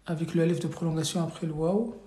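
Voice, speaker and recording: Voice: medium pitch, steady tone, fast, mellow, reverberant. A teacher running a live reading class, calling on students and correcting them patiently, drilling syllables over and over.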